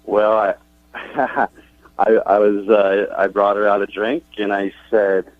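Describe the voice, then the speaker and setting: A man's voice: on the low side, little pitch movement, slow. A man calling into a radio show, sheepish and hesitant as he admits an awkward mistake. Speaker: caller. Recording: dull phone line.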